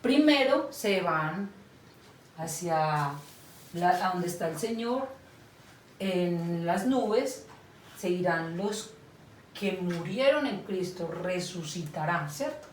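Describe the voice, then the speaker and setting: A woman's voice: lowish voice, animated. A woman teaching a Bible lesson to small children, patient and checking that they follow along. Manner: slow, patient, asks children for agreement. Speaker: children's Sunday school teacher. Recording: echoey room, far from mic, faint noise.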